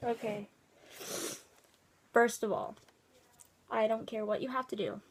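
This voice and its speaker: A woman vlogger with a slightly high voice talks straight to a viewer. She is earnest and shaken, and she presses her advice again and again. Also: steady tone, measured pace, a little hiss or hum. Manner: earnest, emphatic and upset, repeating her points. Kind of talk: casual advice vlog.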